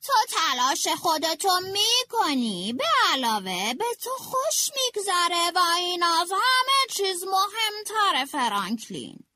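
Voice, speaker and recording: A woman doing a gentle reassuring father. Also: very high-pitched, big pitch swings, hardly any pauses, no echo, heavily acted. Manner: soft, reassuring.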